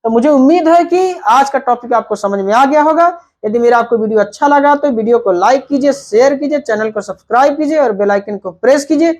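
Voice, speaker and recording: A man's voice: very high-pitched, fairly quick, hardly any pauses, darkish tone. A man teaching a lesson, spelling words out letter by letter and asking himself questions as he explains. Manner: repetitive, rhetorical questions. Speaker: English teacher.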